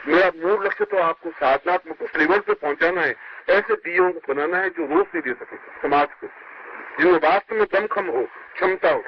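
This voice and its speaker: On an old, worn tape full of muffled hiss, a man preaches a sermon to his disciples as a spiritual guru. His delivery is emphatic, swooping between high and low.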